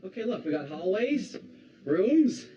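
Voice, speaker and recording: Brief: an earnest, over-dramatic freshman, lively pitch, dull noisy distant sitcom audio. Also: measured pace. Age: young adult. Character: eager excitable young male college freshman. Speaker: college freshman. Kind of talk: sitcom acting.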